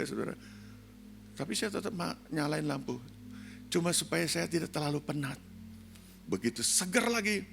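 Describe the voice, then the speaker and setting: An older male pastor preaches in a church, his gravelly voice sharp and bright. He drops to soft, low asides and then climbs to loud, high calls. Faint music plays beneath him. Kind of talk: sermon. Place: church sanctuary.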